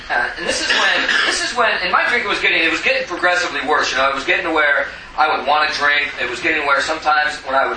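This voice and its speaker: This man in his forties, from Tucson, Arizona, USA, shares his recovery testimony at a meeting with a voice on the high side, bright and forceful. His telling is rambling and self-deprecating, full of chuckles, and the audio is roomy and distant with a faint hiss.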